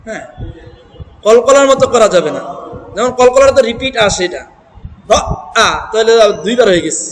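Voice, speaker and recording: A man teaching Quran reading in a classroom, breaking words into syllables, quizzing his students and chanting verses slowly. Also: extremely high pitch, lively intonation, slight background noise. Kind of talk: classroom Quran recitation lesson. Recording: echoey hall with crowd.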